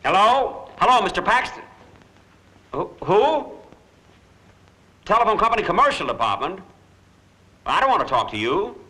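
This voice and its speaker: An American actor playing a broke, dithering lawyer in 1940s screwball comedy banter, dry and stammering. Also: male voice, sits high, big pitch swings, fast, pauses often, sharp tone, heavily acted, low-quality recording. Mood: flustered, indignant. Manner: dry wisecracking, flustered stammering. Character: broke, dithering male lawyer, putting on a brave front. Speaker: lead film actor.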